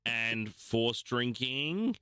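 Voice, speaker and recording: An Australian man runs a tabletop game, narrating scenes with casual swearing and easy laughter. His voice is bright and crisp, recorded dry and close. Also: mid-range voice, expressive, drawn-out words, dry recording. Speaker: game master.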